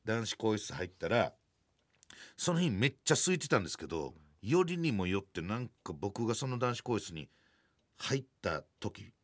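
A man in his forties with a Kansai accent, telling a funny story in a lively, self-mocking way. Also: on the low side, moderate pace, no echo, clean studio sound. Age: 40s. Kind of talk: comic storytelling chat.

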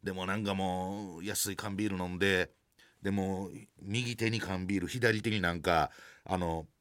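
A man with a Kansai accent telling a comic anecdote in casual talk, animated and acting out other people's voices. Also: deep voice, moderate pace. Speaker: storyteller.

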